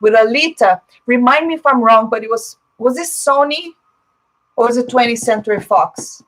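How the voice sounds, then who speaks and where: Hosting a relaxed live stream, a Portuguese-speaking woman from Brazil chats and replies to viewer comments in an opinionated way, dropping in many fillers. Her voice is on the high side and a bit bright at normal speed, captured on a low-quality recording.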